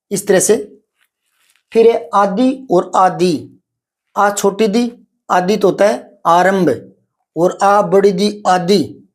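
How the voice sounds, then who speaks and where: High-voiced man teaching Hindi word pairs. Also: a little mellow. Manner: explanatory, drawn-out contrasts, frequent "ठीक है" check-ins. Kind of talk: spoken grammar lesson.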